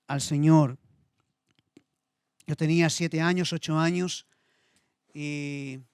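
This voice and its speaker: A man's voice: fairly high pitch, clear, resonant tone, dry recording, studio quality. A middle-aged man preaching a sermon, telling a personal story with feeling and repeating his phrases. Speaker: pastor.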